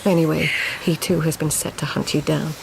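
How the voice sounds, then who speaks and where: A woman's voice: low-pitched, little pitch movement, a little fast, creaky, noisy background. An actress playing a weary, fearful court lady in a radio drama, brooding and slipping into whispers. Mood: frantic. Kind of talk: radio drama acting, intimate inner monologue and dialogue.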